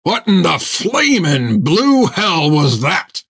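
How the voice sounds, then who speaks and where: A man voicing a gruff, furious pirate first mate with a mechanical leg, bellowing at his crew. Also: a little high, very animated, slow, a bit bright, no room sound, clean studio sound, pitched above the performer's own voice, exaggerated voice. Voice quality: bellowing, rough.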